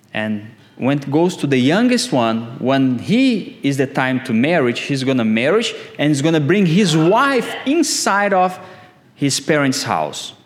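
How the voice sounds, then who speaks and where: A man delivers a sermon at a very unhurried pace. His voice sits at a middle pitch and rises sharply on the words he wants to stress, in short, deliberate phrases. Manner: slow, emphatic preaching, rising on key words. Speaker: pastor.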